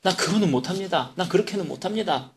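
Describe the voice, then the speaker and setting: A man's voice: high-pitched, lively intonation, fast talker, noisy background, voice pushed up. A man acting out a proud prison guard who protests and pleads that he cannot kneel. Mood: protesting.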